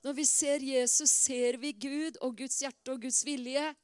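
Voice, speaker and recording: A middle-aged woman preaching a sermon in a lively, conversational way, with many asides and repeated words. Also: sits high, no room sound, studio quality.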